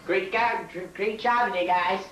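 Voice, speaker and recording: A man's voice: sits high, moderate pace, a bit bright, muffled recording. Young male performer in a teacher impression of a self-important school coach, petty and repetitive, hissy home-video skit. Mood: boastful. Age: young adult. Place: home kitchen. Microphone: camcorder across the room. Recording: roomy, distant, hissy home camcorder.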